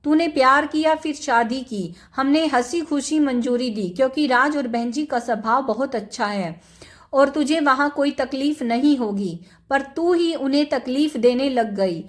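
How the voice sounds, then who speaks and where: A woman narrator puts on a stern but loving older mother giving a firm lecture. The voice stays high and measured in a storybook telling. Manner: admonishing, firm.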